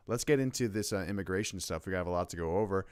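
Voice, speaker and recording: A man's voice: low-pitched, quick pace, darkish tone, clean tone. A young man, co-hosting a casual political chat. He rants emphatically and often restarts his sentences. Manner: emphatic, ranting, with frequent restarts. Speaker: podcast co-host.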